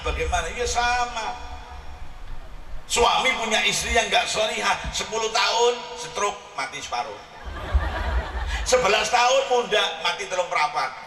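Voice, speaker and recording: A male preacher giving an animated, humorous sermon at a gathering, mixing in regional words and shouting his punchlines. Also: high voice. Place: large hall with audience. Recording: echoey hall recording from far off, audience noise.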